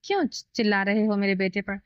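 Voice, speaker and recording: A woman's voice: mid-range voice, fast talker, clear, resonant tone, dry recording, lightly acted. Woman reading a sarcastic young wife, snappy, kinda dull lo-fi audio. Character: sharp-tongued young wife and mother. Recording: dull lo-fi dry recording.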